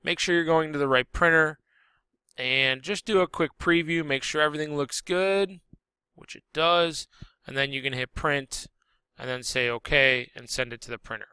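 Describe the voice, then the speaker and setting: Man, teacher, screen-recorded software lesson, very clear voice, dry close sound, step-by-step with self-corrections. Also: fairly high pitch, moderate pace, no echo.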